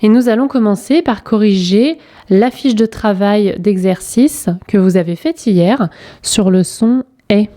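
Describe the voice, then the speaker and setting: Schoolteacher, woman; unhurried, mellow, spells each sound out for small kids. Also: mid-range voice. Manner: spells out letters and sounds deliberately. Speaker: primary school teacher. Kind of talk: slow, clearly articulated lesson correction for young children.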